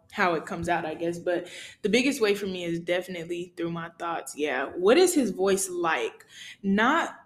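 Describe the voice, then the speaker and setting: A woman's voice: fairly low pitch, a bit bright. A young woman co-hosting a casual faith podcast, leading the topics and affirming her partner with frequent hums. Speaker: podcast co-host. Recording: echoey room.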